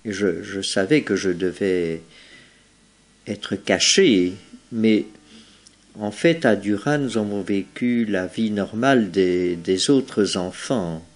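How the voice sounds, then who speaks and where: Very slow low older man. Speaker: interviewee, former hidden child. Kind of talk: recalled testimony.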